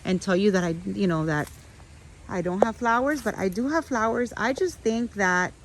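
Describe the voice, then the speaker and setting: A woman's voice: mid-range voice, animated, normal speed, poor audio. A middle-aged woman giving a chatty walk-and-talk vlog in her outdoor garden, talking to viewers with restarts and asides. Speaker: orchid grower vlogger. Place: outdoor orchid garden on a windy morning.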